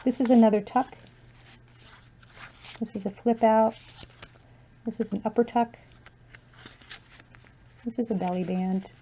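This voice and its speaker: Slightly high-voiced and a little slow, a woman softly shows her handmade journal page by page with easygoing, filler-laden talk and long pauses. Her voice is going hoarse and she clears her throat; the audio sounds dull.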